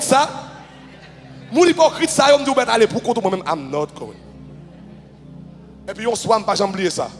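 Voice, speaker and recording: Haitian-accented pastor shouting and chanting, echoey hall, music behind. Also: male voice, high-pitched. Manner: fervent preaching, shouting and sing-song chanting. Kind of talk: sermon.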